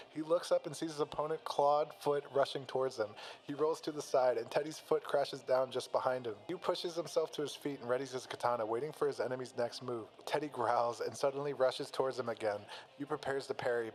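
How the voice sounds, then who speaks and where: Guy reading a fan fight story, plain steady narration, quick asides. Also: mid-range voice, rough recording. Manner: reads plainly, breaks off to laugh and comment. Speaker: story reader and reactor.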